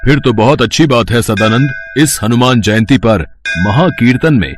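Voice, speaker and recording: A man voicing characters in a devotional cartoon, switching between roles with a lively delivery. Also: medium pitch, moderate pace. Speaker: voice actor for many characters. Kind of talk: cartoon voice acting. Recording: voice-over with faint background music.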